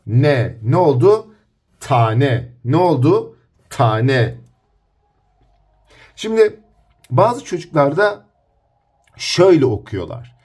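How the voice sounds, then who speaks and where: Male teacher, husky and animated, sounds out syllables patiently for parents. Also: on the high side. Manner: slow, drawn-out syllable-by-syllable sounding out. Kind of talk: early reading lesson for parents.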